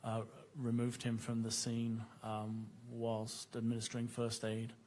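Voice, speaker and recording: A man testifying as a witness under courtroom cross-examination, measured and factual, in formal official wording. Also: mid-range voice, completely flat delivery, warm tone, a little hiss or hum. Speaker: witness, former police officer.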